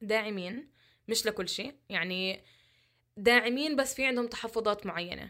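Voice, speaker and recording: A woman's voice: medium pitch, brisk, bright, forceful tone. A woman, speaking as an interview guest in a passionate, emphatic way full of rhetorical questions. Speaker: guest, social media content creator. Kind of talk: candid interview talk.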